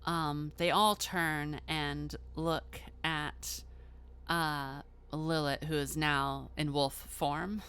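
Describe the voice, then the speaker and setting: A woman narrating as game master of a tabletop role-playing game, slow and hesitant with many fillers. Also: low-pitched, flat delivery, fairly bright tone, smooth.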